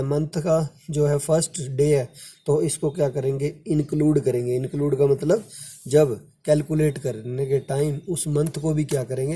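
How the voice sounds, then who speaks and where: A man with a somewhat high, dark, husky voice teaches a commerce lesson in a casual classroom style. He counts the months aloud, affectionately calls his students "बेटा", and quotes their questions back.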